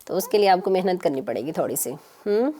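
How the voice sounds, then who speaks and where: A woman teaching children on a TV lesson, patient and coaxing, repeating syllables slowly. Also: fairly low pitch, lively intonation, mellow, slight background noise. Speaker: Quran teacher.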